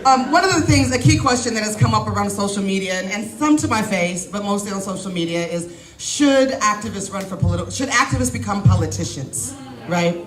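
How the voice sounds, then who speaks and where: A woman's voice: mid-range voice, a little fast, hardly any pauses. A woman candidate giving an emphatic, off-the-cuff rally speech, often laughing. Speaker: political candidate. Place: large indoor event hall. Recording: echoey hall with crowd and music.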